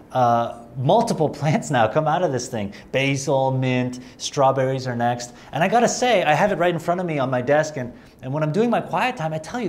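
A man preaching a sermon in a conversational way, mixing emphatic rising lines with self-deprecating humor. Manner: animated, rising emphatic pitch.

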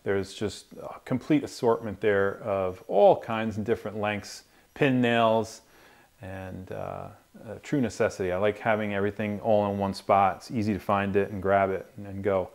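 A man's voice: fairly low pitch, fairly even intonation, normal speed, darkish tone. A man in his forties giving a casual, rambling tour of his garage woodworking shop, with lots of fillers and restarts. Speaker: woodworking channel host. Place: two-car garage workshop.

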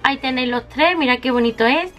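Mujer española charlatana, voz aguda. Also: female voice, high voice, fast talker, a bit bright, soft background music. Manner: chatty, fond of diminutives, shows each item. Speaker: beauty vlogger. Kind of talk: makeup haul video.

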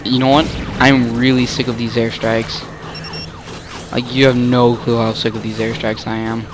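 A man's voice: medium pitch, flat delivery, moderate pace, over music. A young man giving casual, rambling commentary while playing a video game, often stopping mid-sentence to react. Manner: rambling, self-interrupting, easily exasperated. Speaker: gamer.

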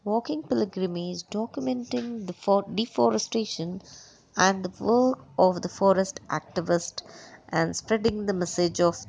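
Young woman teacher, explains a school lesson in short bits, mid-pitched voice. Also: measured pace, gravelly, a little mellow, slightly rough, poor audio. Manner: reads and explains in short phrases.

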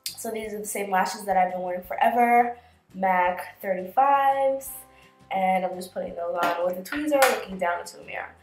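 In her twenties and sick with a cold, a beauty vlogger narrates a casual makeup tutorial at normal speed and medium pitch, close to the camera in a small bedroom. She's chatty and filler-heavy, explaining each step, while faint music plays and the room echoes.

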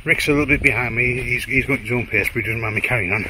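A man's voice: mid-range voice, racing. A middle-aged man with a Teesside accent, chatting casually and a bit out of breath while hiking and filming a photography vlog. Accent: Teesside English. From Teesside, England. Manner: chatty, self-deprecating, rambling asides. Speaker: photographer vlogger. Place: outdoors on a windy highland lochside trail. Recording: wind noise outdoors.

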